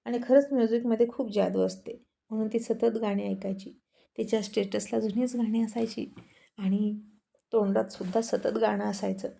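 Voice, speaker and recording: Gravelly, dark-voiced woman storyteller. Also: medium pitch, fairly even intonation, normal speed. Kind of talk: storytelling narration.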